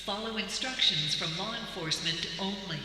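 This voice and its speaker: A man reading a scripted emergency alert over a shopping mall's public-address loudspeaker, giving calm, measured commands. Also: high voice, faint music behind. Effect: mall public-address loudspeaker. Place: shopping mall. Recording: echoey loudspeaker in a large hall.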